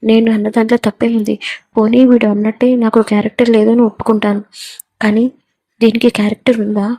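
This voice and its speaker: A man's voice: sits high, little pitch movement, fast, warm tone, no echo. A woman voicing a sneering, mocking male village scoundrel in a storybook reading. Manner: crooked, mocking.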